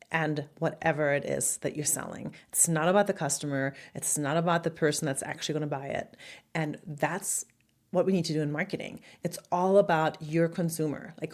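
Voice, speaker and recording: A middle-aged woman giving casual, upbeat marketing advice straight to camera as the host of her channel, laughing now and then. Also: fairly low pitch.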